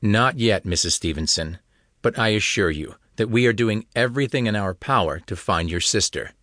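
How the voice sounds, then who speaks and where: A male audiobook narrator voicing a composed small-town police captain who speaks with calm authority. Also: on the low side, fairly quick, dry recording, studio quality.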